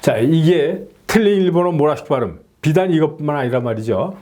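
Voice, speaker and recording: A middle-aged man explaining English pronunciation in a lesson, often checking in with a quick rhetorical "yes?". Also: fairly high pitch. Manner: animated, frequent rhetorical "예?" checks.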